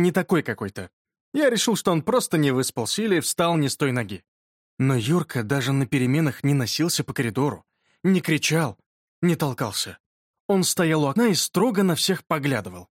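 A man reading a funny children's story aloud, with expressive storytelling. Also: fairly high pitch, normal speed, no room sound, studio quality. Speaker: reader.

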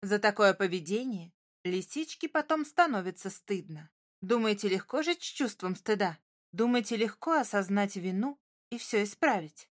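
Female narrator, children's audiobook, gentle and expressive, mid pitch. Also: moderate pace.

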